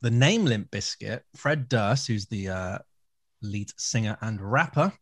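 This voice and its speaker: A man's voice: lowish voice, expressive, a little slow. A man with a British accent co-hosting a podcast, chatting informally about music with plenty of banter. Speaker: podcast co-host. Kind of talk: casual chat, music discussion.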